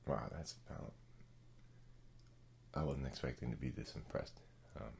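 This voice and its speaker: A man speaking in a hushed, gravelly ASMR style, chatting casually in a laid-back, halting, slangy way. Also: extremely low pitch, a little hiss or hum. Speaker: ASMR video creator and host. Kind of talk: soft-spoken ASMR, casual rambling chat.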